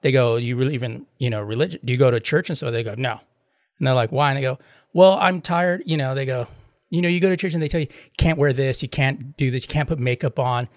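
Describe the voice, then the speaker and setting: A man's voice: medium pitch, fast talker, dry recording, clean studio sound. A man chatting casually as a podcast host, telling anecdotes in a rambling way and acting out both sides of retold exchanges. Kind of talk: casual chat, retelling anecdotes.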